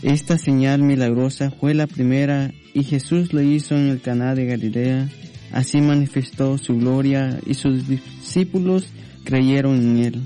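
A man reading a Bible passage aloud in a steady, measured way on a religious radio program. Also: medium pitch, faint music behind. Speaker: scripture reader.

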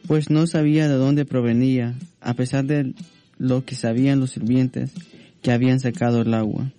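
A man reading a Bible passage aloud in a steady, measured way on a religious radio program. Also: medium pitch. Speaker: scripture reader.

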